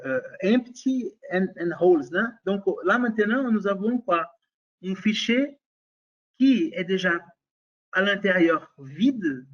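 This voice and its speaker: A man's voice: fairly high pitch, dull audio. Brazilian-accented man, hesitant webinar demo. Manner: hesitant, many fillers and restarts; checks in with listeners often. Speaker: webinar presenter. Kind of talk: software demonstration webinar.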